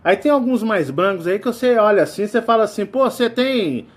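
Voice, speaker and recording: A man's voice: sits high, expressive, fast. A Brazilian man hosting a channel, telling a story in a casual, rambling way and ending nearly every phrase with a tag question. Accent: Brazilian Portuguese. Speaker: channel host.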